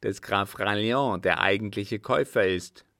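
A man voicing a commanding, scheming captain who speaks forcefully and urgently. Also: fairly low pitch, a little slow, dry recording, studio quality.

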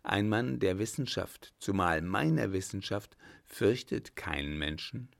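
A man voicing a calm, unflappable hunchbacked scholar. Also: on the low side, creaky. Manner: cool, polite, measured.

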